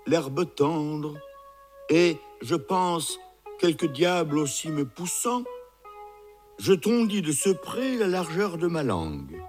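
A man voicing a humble male donkey who confesses softly and hesitantly. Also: on the high side.

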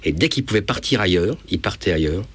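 A man's voice: deep voice, expressive, a little fast, slightly rough, no room sound. A man hosting a radio interview, chatty and repeating himself, with a cold. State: has a cold. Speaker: radio host. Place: radio studio.

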